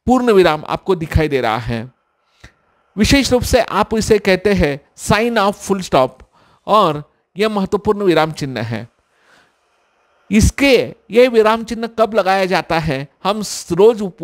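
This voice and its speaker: High-voiced male Hindi lecturer. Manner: slow, explanatory, repeats key sentences. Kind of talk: recorded lesson.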